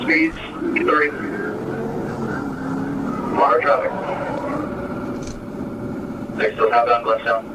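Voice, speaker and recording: A man's voice: medium pitch, huge pitch swings, slow, long pauses, lo-fi sound. Man on a noisy police radio. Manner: terse clipped radio call-outs. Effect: heard over a police radio. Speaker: police officer calling out a pursuit. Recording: distant, very noisy radio transmission.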